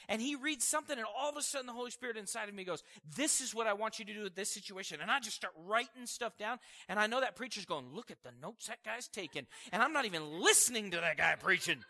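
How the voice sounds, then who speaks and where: Man, high bright voice, casual animated sermon delivery with asides to the room. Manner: conversational and animated, asking the audience questions, laughing. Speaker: preacher.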